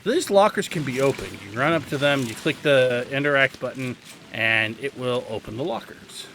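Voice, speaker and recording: The recording is low quality, though the background game sounds remain clear. A man of medium pitch, a bit bright and lively, talks at normal speed as a video game guide host. His commentary is casual, instructive, and faintly wry.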